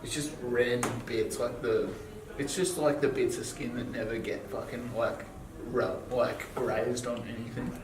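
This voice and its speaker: A man's voice: mid-range voice, steady tone, a little slow, few pauses. Rambling, swearing Aussie man in his twenties. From Australia. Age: 20s. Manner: rambling, swearing, lots of fillers. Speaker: interview guest. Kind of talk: casual chat. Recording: echoey, distant, noisy ambience.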